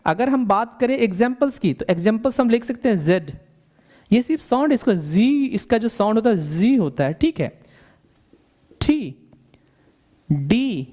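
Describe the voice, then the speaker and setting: A man teaching a bilingual spoken English lesson, explaining step by step, repeating questions to the learner and slowing down to dictate definitions. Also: high voice, animated, mellow.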